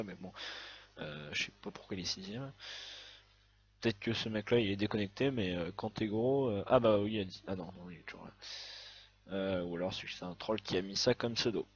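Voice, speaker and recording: Husky-voiced man in excitable game commentary. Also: on the low side, muffled recording. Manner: excitable, swearing, chatty running commentary. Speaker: gaming video host. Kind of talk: let's play commentary.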